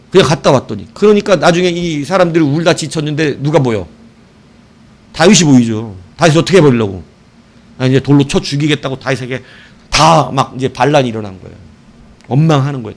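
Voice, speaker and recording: Animated man preaching, lively pitch. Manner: animated storytelling, shouting exclamations, asks the congregation questions. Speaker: pastor. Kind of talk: evening sermon.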